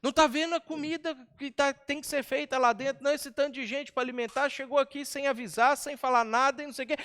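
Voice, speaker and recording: A man's voice: very high voice, steady tone, fast, sharp tone, voice pushed up. A man voicing an overworked, exasperated woman host who fires indignant questions at her guest.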